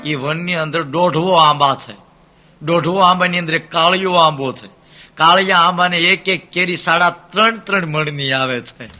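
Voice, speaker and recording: A man's voice: on the high side, moderate pace, sharp tone, slight background noise. A man with a Saurashtra Gujarati accent telling comic folk stories on stage, repeating his phrases in a storytelling rhythm and quoting the characters' dialogue. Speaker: folk storyteller and dayro performer.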